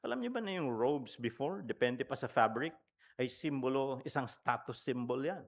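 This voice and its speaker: Speaking at normal speed in an animated, medium-pitched voice, a male pastor delivers a storytelling sermon. He shifts between Tagalog and English within sentences and keeps questioning the congregation in a conversational way.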